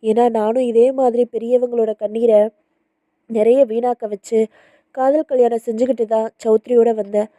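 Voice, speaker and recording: A woman's voice: on the high side, steady tone, normal speed, warm tone, no echo, lightly acted. A woman voicing an anxious young woman who talks politely and earnestly, in a storybook reading. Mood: regretful.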